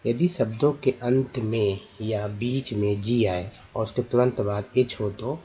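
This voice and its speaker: A man's voice: on the low side, fairly even intonation, a little slow, mellow, a little hiss or hum. A man teaching English pronunciation, explaining step by step, repeating words and correcting himself as he goes. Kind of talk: explanatory lesson.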